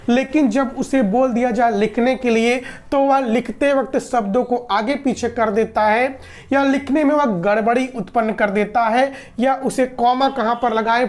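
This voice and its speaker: A woman's voice: a little high, a little mellow. A woman gives an exam-prep lesson in a slightly raised voice. She explains step by step, restating each point and posing questions she answers herself. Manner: explanatory, repeats and rephrases, asks and answers own questions. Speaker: teacher.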